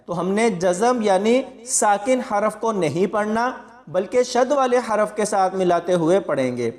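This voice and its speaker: A man teaching Quran pronunciation in a spoken lesson, explaining each word calmly and spelling out the syllables slowly before reciting them. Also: high-pitched, in a large hall.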